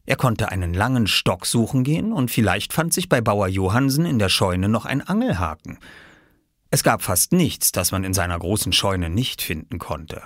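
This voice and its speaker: A man narrating an audiobook in an expressive storytelling manner. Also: lowish voice, normal speed, no echo, clean studio sound.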